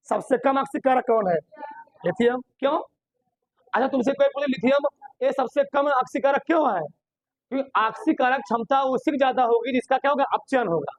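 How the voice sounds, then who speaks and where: A man with an extremely high-pitched voice teaches chemistry in Hindi, captured in a dry recording. Throughout the classroom lecture he poses questions to the class, answers them himself, and repeats key terms for emphasis.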